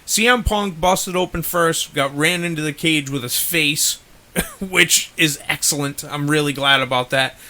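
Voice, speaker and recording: A man co-hosting a wrestling podcast in casual chat, excitable and swearing freely. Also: fairly high pitch, unhurried. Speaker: podcast co-host.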